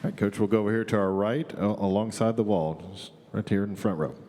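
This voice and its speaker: A man moderating a press conference in a large hall, briskly pointing the coach to each questioner. His voice sits a little low. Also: dark tone.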